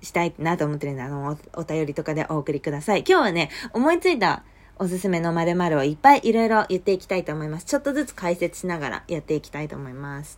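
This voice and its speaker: A young woman hosting a casual solo podcast late at night, chatty and lively, often bursting into a louder voice. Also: mid-range voice. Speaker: podcast host. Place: home at night.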